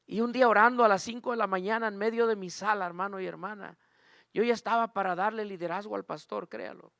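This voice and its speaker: A man's voice: sits high, steady tone, fast talker, gravelly, sharp tone, no room sound, studio quality. A man preaching a sermon, telling a personal testimony in an earnest storytelling manner and calling on the congregation as brothers and sisters.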